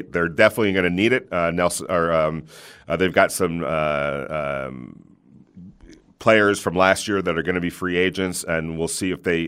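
A man hosting a sports call-in show, giving unscripted commentary in hesitant, measured phrases with many pauses. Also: low-pitched, fairly bright tone.

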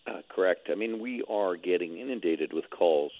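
A man calling in over the phone as a radio guest, explaining things in a measured way with halting restarts. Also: deep voice. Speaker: real estate board president, radio guest. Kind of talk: call-in radio interview. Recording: tinny phone line.

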